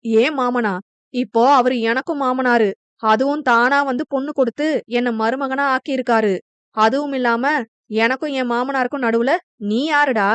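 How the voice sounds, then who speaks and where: Woman narrator voicing a brash young husband, teasing, quick retorts, high voice, dry sound. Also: steady tone, a bit bright, smooth, dry recording. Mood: defiant.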